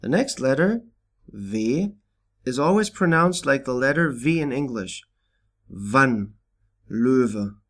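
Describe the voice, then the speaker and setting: A man narrating a pronunciation lesson in a slow, deliberate way, pausing on each example word. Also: mid-range voice, lively intonation. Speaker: language teacher. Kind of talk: scripted instructional narration.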